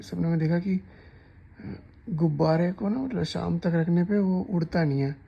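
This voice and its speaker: A man's voice: a little high, creaky, muffled recording. A man casually recounting a dream in a chatty, rambling way, full of restarts and asides. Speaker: storyteller. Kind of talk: casual storytime narration.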